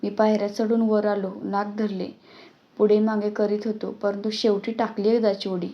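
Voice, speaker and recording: Female storyteller, steady and measured, mid pitch, on a dull lo-fi recording. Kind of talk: storybook narration.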